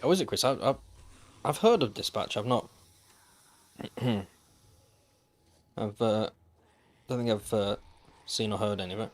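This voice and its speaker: A lowish, animated male voice moves at a measured pace with frequent pauses. He's doing casual commentary on a survival game stream, chatting with viewers and dropping wry, dry asides. The sound comes from a desk mic.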